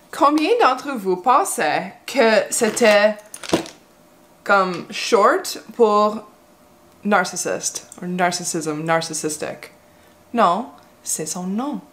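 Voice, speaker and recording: A woman's voice: mid-range voice, lively intonation, very slow, pauses often, a bit bright, slight background noise. A woman from Quebec whose first language is English, chatting casually while doing her makeup. She talks in a hesitant, rambling way, full of fillers and restarts. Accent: English-speaking Quebec. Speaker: beauty vlogger.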